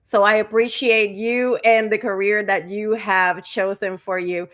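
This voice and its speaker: A woman's voice: medium pitch, little pitch movement, a little slow, a bit bright. A woman hosting an online interview show over a video call, upbeat and effusive with praise. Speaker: host and company founder.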